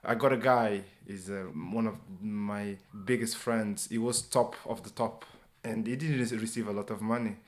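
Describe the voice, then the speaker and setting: A lively young man from Portugal talks in a casual interview, and his English carries a strong Portuguese accent. His voice sits a little low, and his talk keeps running on with "you know" and quick restarts. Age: 20s. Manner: animated, talkative non-native English with repeated "you know". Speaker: guest, personal trainer and former sprinter. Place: indoors, interview in England.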